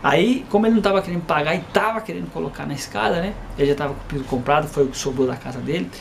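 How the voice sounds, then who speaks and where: A man's voice: on the high side, rapid-fire, creaky, slight background noise. A man giving an informal devotional talk, chatty and plain, often tagging his sentences with a questioning aside. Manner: reads a verse, stumbles, rereads it. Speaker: lay preacher.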